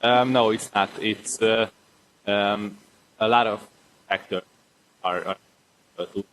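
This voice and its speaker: A low-voiced man speaks slowly and haltingly, full of ums and uhs. His answer comes through a glitchy video call that keeps dropping out, with a faint hiss underneath. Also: fairly even intonation, a bit bright, poor audio. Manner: hesitant, halting, many fillers. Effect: choppy, cutting-out video call audio. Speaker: remote student. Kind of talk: answering a question in class.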